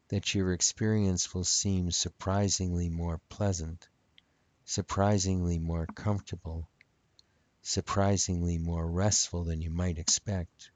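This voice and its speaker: Slow, deep-voiced man guiding hypnosis. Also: a little mellow, dry recording. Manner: soothing, repetitive, measured phrasing. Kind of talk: guided hypnotic relaxation.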